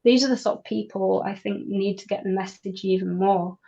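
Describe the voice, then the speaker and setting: A woman's voice: medium pitch, fairly even intonation, a little fast, gravelly, warm tone, husky, dull audio. A woman, a pilot and nutrition coach, talking enthusiastically as an interview guest with frequent restarts. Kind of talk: conversational interview.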